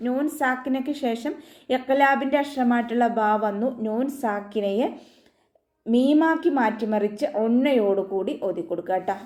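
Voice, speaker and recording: A woman teaching the rules of Quran recitation, with patient step-by-step instruction and frequent gentle reminders. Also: medium pitch. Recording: echoey room.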